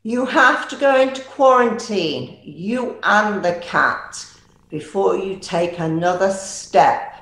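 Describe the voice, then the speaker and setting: A woman playing an officious quarantine official in a pantomime, with theatrical, drawn-out delivery. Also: medium pitch, expressive, a bit bright, echoey room, poor audio. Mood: bossy, mocking. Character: officious female quarantine official stopping travellers. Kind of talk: pantomime acting.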